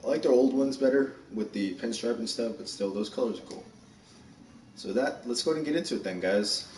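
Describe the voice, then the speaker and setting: A man from Texas hosting a live stream of a basketball video game, out of breath and talking in a casual, rushed way. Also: medium pitch, darkish tone. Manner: casual, rushed, chatty, upbeat. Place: room at home. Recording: roomy echo, distant mic, faint background hum.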